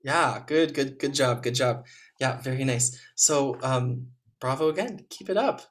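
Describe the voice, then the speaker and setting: A man serving as a competition juror, giving gentle, encouraging spoken feedback to young players over a video call, with frequent ums. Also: mid-range voice, unhurried, a little hiss or hum.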